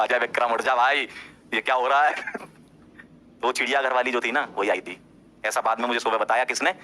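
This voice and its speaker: A man, a teacher, casually telling a story to his class, talking straight to his listeners and often checking in with them. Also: slight background noise. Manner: animated, jumps up in pitch when insisting.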